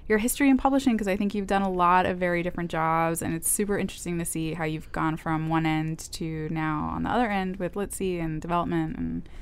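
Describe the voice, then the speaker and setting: A woman's voice: fairly low pitch, steady tone, fast talker, hardly any pauses, clean tone. A woman co-hosting a podcast, asking a guest questions in a friendly way. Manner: friendly, encouraging interviewer. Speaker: podcast co-host. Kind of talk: casual chat.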